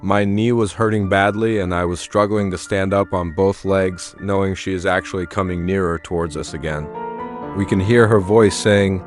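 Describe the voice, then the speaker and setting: A man narrating a first-person horror story in a steady, plain recounting manner. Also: low voice, moderate pace, soft background music.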